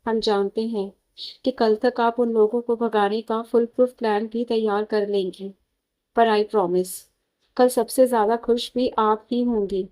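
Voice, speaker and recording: A woman reading the lines of a calm, affectionate young man in a storybook tale, gentle and sincere, a little lower than her narration. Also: a little slow, lightly acted.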